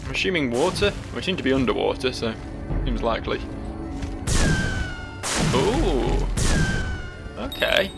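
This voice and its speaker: Male let's play host: sardonic, sweary, offhand, gravelly fry in the voice, game music underneath. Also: medium pitch, expressive, fast. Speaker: gaming video host. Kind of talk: casual let's play commentary.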